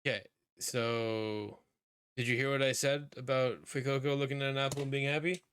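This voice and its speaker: A man hosts a casual podcast over a computer mic on a voice call. His voice is smooth and resonant at a middling pitch, and the sound is dry and close. He rambles along with plenty of fillers. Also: fairly even intonation, normal speed, a bit bright, dry recording. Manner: rambling, filler-heavy talk. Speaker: podcast host.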